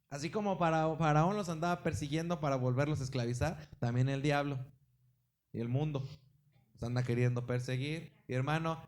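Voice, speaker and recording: A man's voice: fairly high pitch, darkish tone. A man preaching a Sunday sermon in a church service, emphatic, with swings in volume and frequent exclamations to the congregation. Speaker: pastor.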